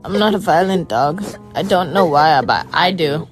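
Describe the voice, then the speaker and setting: Brief: woman doing a low, deadpan rabid dog, blunt threats, distant mic over music. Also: normal speed. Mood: menacing.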